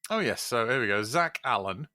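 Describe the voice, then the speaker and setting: Bright-voiced man hosting a podcast. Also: medium pitch, expressive, fairly quick, dry recording. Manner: chatty, many ums and uhs, upbeat. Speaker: podcast host. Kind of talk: casual podcast chat.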